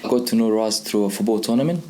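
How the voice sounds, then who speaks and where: Speaking fast in a lowish, darkish voice, a man from Pakistan in his twenties gives a casual personal testimony as a youth programme participant. English is not his native language.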